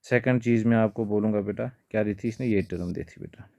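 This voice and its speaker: A man's voice: lowish voice, brisk, dark tone, no echo, dull audio. A male biology teacher giving an exam-prep lecture, calling his students "beta" again and again and mixing English terms into his talk.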